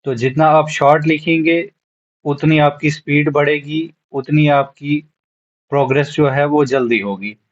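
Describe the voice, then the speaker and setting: A man's voice: fairly high pitch, steady tone, a little slow, lo-fi sound. A man teaching a beginners' lesson, spelling out words letter by letter and repeating them patiently. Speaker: shorthand teacher. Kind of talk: classroom lesson.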